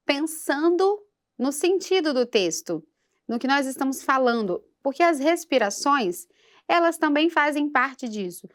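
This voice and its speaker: A woman singing teacher giving a patient vocal lesson for a church program and breaking into short sung demonstrations. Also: sits high.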